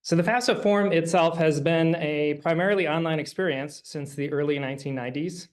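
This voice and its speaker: A man's voice: on the high side, a little fast. A man in his forties giving a conference presentation as a designer, earnest and emphatic, with some fillers. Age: 40s.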